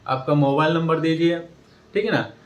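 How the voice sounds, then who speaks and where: A man's voice: on the high side, moderate pace. A man teaching a language lesson in a classroom style, repeating himself and asking questions he then answers. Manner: repetitive, checks in with "ठीक है ना" often. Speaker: English teacher. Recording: roomy echo, mic set at a distance.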